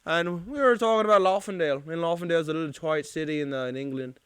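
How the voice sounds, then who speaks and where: A man's voice: fairly high pitch, quick pace, a bit bright, clean tone, no echo, studio quality, close to an everyday voice. A man putting on an Irish accent to tell a rambling pub story, full of fillers. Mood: joking. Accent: put-on Irish. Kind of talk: comic bit on a podcast.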